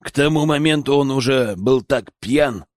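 A man voicing a steady, frank grown male ally in an audiobook, speaking in a low, calm tone. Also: normal speed, no echo, studio quality, lightly acted. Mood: grave.

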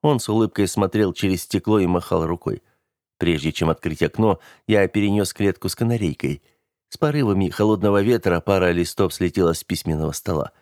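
A man narrating a first-person audiobook in a measured, even storytelling manner. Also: deep voice, dry recording, clean studio sound.

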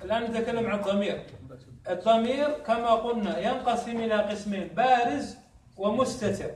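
High-voiced man teaching grammar, echoey. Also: a little fast, slight background noise. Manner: asks questions and answers them himself. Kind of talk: classroom lesson. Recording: echoey room, mic far off.

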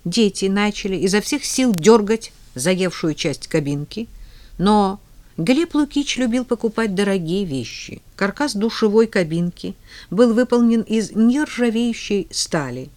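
A woman narrating a comic novel in the first person, with a wry, brisk storytelling manner. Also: mid-range voice, expressive, darkish tone. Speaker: audiobook narrator.

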